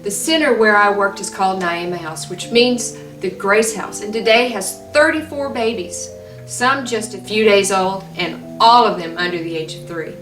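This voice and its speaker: A woman from Tanzania who volunteered as an EMT tells her story in an earnest, measured way to ask for support. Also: medium pitch. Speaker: volunteer EMT making a fundraising appeal. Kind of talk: personal storytelling appeal. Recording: roomy, distant mic, music behind. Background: music.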